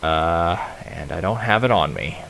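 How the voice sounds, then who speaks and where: A man's voice: deep voice, expressive, a little slow, creaky, fairly bright tone, a little hiss or hum. A man casually commenting while playing a video game, rambling and thinking aloud. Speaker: let's play host. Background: game music.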